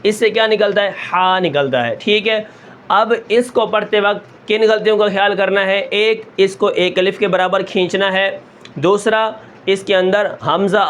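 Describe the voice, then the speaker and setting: A man teaching Quran recitation step by step, asking questions and answering them himself, and stretching sounds slowly to show them. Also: high voice, a bit bright. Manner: asks the class a question, then answers it himself; draws out sounds long and slow to show them.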